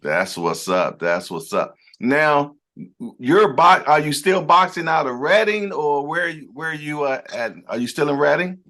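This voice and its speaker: A man's voice: fairly high pitch, expressive, unhurried, sharp tone. A man hosting a boxing channel, interviewing a guest over a video call with upbeat, brief affirmations.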